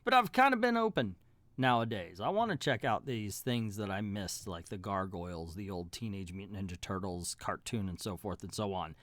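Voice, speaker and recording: A man's voice: fairly low pitch, animated, moderate pace, a bit bright, dry recording. A middle-aged man hosting a comic book review channel, giving a casual ranked countdown in a folksy, colloquial way with emphatic asides.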